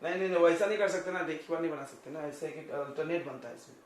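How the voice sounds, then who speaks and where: A male coaching-class teacher giving a chatty chemistry lesson, joking with his students and firing quick questions at them. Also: a little high, slight background noise. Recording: very echoey classroom, distant mic.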